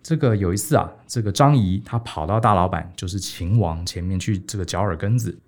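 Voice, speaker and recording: A man, hosting a podcast and retelling an old story in a casual, animated way, often adding a little "ha" to his sentences. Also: deep voice, fairly quick. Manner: animated, peppers speech with 哈. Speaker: podcast host.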